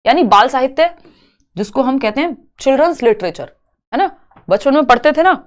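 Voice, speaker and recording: A woman teaches an online exam-prep lesson in Hindi, mixing in English terms as she explains each option step by step and poses rhetorical questions. Her voice sits high and sounds expressive and brisk.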